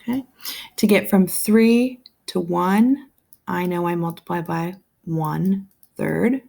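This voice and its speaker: Low, gravelly woman teaching math. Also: steady tone, slow pace, mellow. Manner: thinking aloud step by step, asks the viewer "right?". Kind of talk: recorded math lesson.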